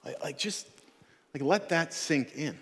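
A man's voice: fairly high pitch, measured pace, a bit bright, in a large hall. A man preaching a sermon as a pastor, earnest and conversational, often repeating words and restarting his phrases.

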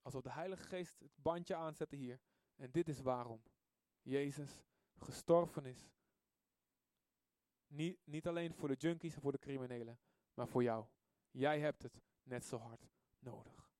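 Male preacher giving a testimony sermon, impassioned, loud one moment and hushed the next, in a dry, close sound. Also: medium pitch, unhurried, no room sound. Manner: impassioned, swinging from loud outcries to hushed confession.

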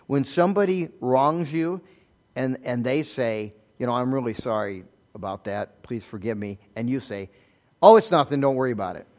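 A man preaching a sermon in a conversational way, asking rhetorical questions and moving between loud emphasis and soft, low asides. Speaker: pastor.

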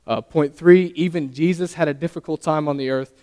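A young man preaching, earnest and a little nervous, who restarts his phrases as he goes. His voice is fairly high and smooth, and it rings out with the long reverb of a church hall. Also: a little mellow. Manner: earnest, halting, stumbles and restarts. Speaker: lay preacher. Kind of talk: sermon.

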